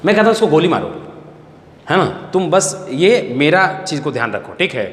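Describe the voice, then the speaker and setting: A man's voice: on the high side, big pitch swings, normal speed. A man with a Bihari Hindi accent teaching math in a classroom lecture, repeating his points and asking the class questions he then answers himself. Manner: repetitive, asks the class questions and answers them. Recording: echoey hall, faint background hiss.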